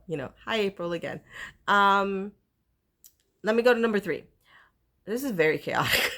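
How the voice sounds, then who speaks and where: A woman's voice: on the low side, gravelly, a bit bright. A woman from Puerto Rico chatting casually to camera as a book vlogger, rambling with lots of fillers and restarts. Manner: rambling, self-interrupting, many fillers. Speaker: booktuber.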